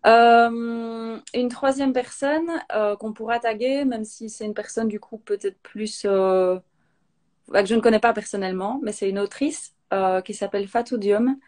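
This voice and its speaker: A woman's voice: fairly high pitch, steady tone, measured pace, darkish tone. A woman in her thirties, a guest on a live video interview, talking spontaneously with many hesitations and restarts.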